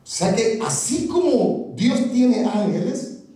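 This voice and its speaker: Male pastor, dramatic sermon delivery; mellow tone, distant mic in a reverberant church. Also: animated, slow pace. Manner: dramatic storytelling with swings in pitch and pace, speaking in tongues. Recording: echoey church from far off.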